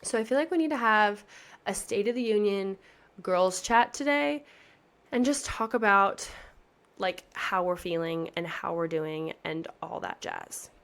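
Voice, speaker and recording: A woman in her thirties who coaches pageant contestants chats on her podcast in an earnest, motivational style, leaning hard on emphasis. Her voice is mid-range, slightly bright and creaky, and she speaks at a measured pace.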